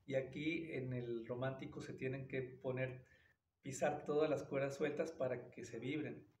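A man's voice: medium pitch, steady tone, moderate pace, darkish tone. A man teaching violin in a casual tutorial, explaining patiently between played passages. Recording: roomy, mic at a distance, violin behind. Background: violin playing.

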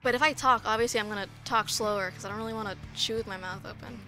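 A young woman streams as a VTuber, her mid-range voice bright, forceful and quick. She chats loosely with viewers, eating and swearing freely while gaming, with game music playing behind her streamer mic.

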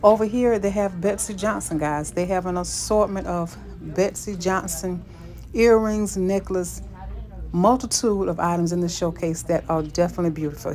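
Walking through a large retail store, a shopping vlogger chats upbeat to her viewers about the items she finds, repeatedly calling them guys. Her voice sits on the low side and is a little mellow.

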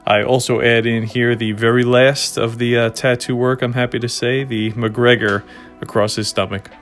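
A man with a Long Island accent narrating a painting time-lapse in a relaxed, joking way, with many "uh" fillers. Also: medium pitch, normal speed, faint music behind. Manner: relaxed, self-deprecating, frequent "uh" fillers. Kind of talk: casual voice-over narration.

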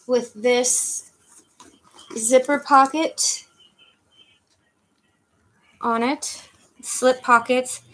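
The recording is rough, and her voice sits high with a fairly bright tone. A woman in her fifties, she runs a live online handbag auction from her living room, speaking into a webcam in front of her, chattily calling bids and thanking viewers by name.

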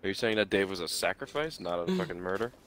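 A man in casual gaming banter, blunt and quick to swear. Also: sits low, lively intonation, a bit bright. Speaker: gamer on a group stream. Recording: game voice chat with faint noise.

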